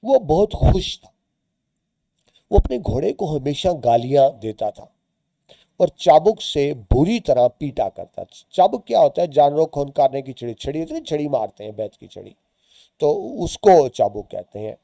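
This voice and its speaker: A man's voice: on the high side, sing-song, normal speed, gravelly, warm tone, no room sound. A man, teaching students by reading a short story aloud and explaining its words and lines as he goes.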